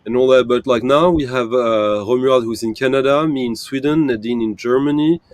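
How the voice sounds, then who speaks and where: A man with a mid-range voice, speaking at normal speed, joins a casual panel chat over a video call as a guest who creates a vinyl channel. He thinks aloud, using many fillers and correcting himself.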